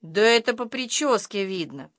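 A woman's voice: medium pitch, expressive, moderate pace, fairly bright tone, dry recording, lightly acted. A woman voicing an astonished father, a detective, who exclaims and groans.

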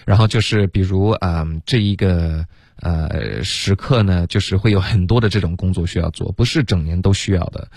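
A man teaching English on a radio lesson, patiently explaining pronunciation step by step and demonstrating sounds slowly. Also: low voice, creaky, a little mellow, dry recording, studio quality. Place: radio studio.

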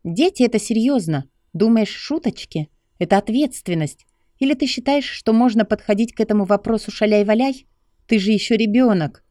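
An indignant young woman snaps and lectures in a high, raised voice, as a male reader puts her on. Her tone is sharp and scolding, set close and dry in an audiobook reading with a darker, mellow grain underneath. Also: fairly quick, no echo, natural voice. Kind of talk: audiobook character voice.

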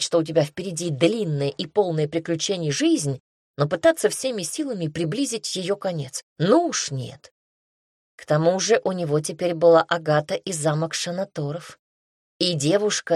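Woman narrating an audiobook, lowish voice, dead dry sound, steady pace. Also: no echo.

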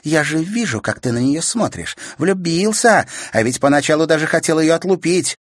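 A man reading an audiobook and voicing an angry, sarcastic teenage girl who shouts at her brother. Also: on the high side, animated, normal speed, no echo, clean studio sound, voice pushed up. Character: angry, sharp-tongued teenage girl, a sister. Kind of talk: audiobook character voice.

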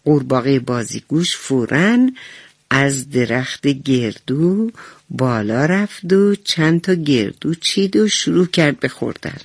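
A woman's voice: extremely low pitch, lively intonation, slightly rough, dry recording. A woman narrating a bedtime story on the radio for children, talking to them directly and affectionately. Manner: warm, addresses children directly.

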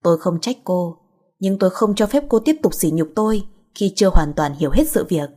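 A woman's voice: lowish voice, expressive, mellow. A woman voicing a composed, principled young married woman who speaks firmly. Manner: firm, measured.

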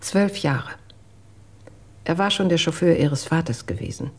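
Performing in a German radio drama, a woman gives a low, husky, exaggerated voice to a reserved and dutiful household servant. Her intonation is lively even as the character relates events carefully and with measure.

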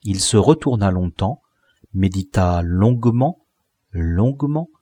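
A man reading a classic novel aloud as an audiobook narrator, in an expressive storytelling manner. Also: lowish voice, takes it slowly, breathy edge, dry recording.

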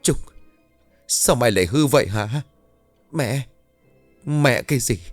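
A man's voice: medium pitch, expressive, measured pace, dry recording, soft background music. A man voicing a fierce, bossy middle-aged village mother who scolds her children in a harsh, urgent way. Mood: angry.

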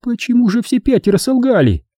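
Brief: male reader as a piercing, contemptuous woman in an audiobook, snapping lines, husky edge. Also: sing-song, brisk, dark tone, no room sound, clean studio sound, exaggerated voice. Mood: scornful. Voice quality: piercing falsetto. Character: shrill scornful woman, sharp-tongued and frantic. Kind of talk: audiobook character voice.

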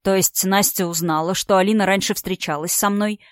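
A woman voicing a calm, steady young man who speaks in a measured, consoling, slightly husky way in an audiobook story. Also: medium pitch, no echo, clean studio sound, lightly acted. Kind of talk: audiobook character voice.

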